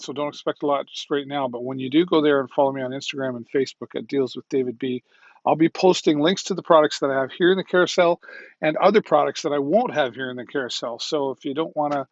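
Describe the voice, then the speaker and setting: A man's voice: a little high, no room sound. Male livestream shopping host, casual and rambling, slightly worn voice, dry and muffled audio. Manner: rambling and chatty, with frequent ums and "right?". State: slightly losing his voice. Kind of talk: casual product demo livestream.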